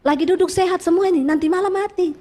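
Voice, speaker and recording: High-voiced woman preaching a sermon. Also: fast talker. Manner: lively storytelling sermon with quoted voices and rhetorical questions. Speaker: pastor.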